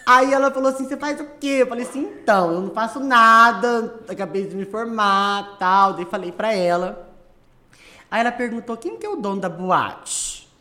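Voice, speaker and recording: A woman from central-west Brazil telling a story as a guest in a casual chat, animated and laughing, acting out other people's voices. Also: fairly high pitch, moderate pace. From Brazil, Mato Grosso do Sul.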